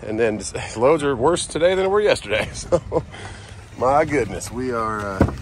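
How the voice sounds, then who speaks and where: Low-voiced woman, chatty and offhand, vlogging on a handheld phone; lively pitch, noisy background. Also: normal speed. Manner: chatty, offhand, laughs at herself. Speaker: vlogger, trucking dispatcher wife. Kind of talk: casual vlog narration. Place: car, yard and home, in and out of doors. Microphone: handheld phone camera.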